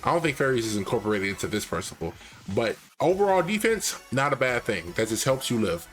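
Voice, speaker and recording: A man's voice: medium pitch, sing-song, fairly quick, a bit bright. Rambling young man with faint background music. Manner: rambling, self-correcting, filler-heavy. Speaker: game guide creator. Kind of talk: casual gaming commentary.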